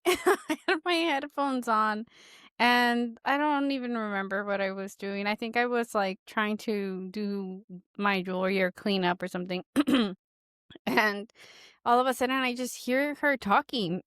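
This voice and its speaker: High-voiced chatty woman, dry mic. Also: a little slow, a bit bright, clear, resonant tone, no room sound. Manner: laughs often, chatty storytelling. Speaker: podcast co-host. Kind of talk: casual chat.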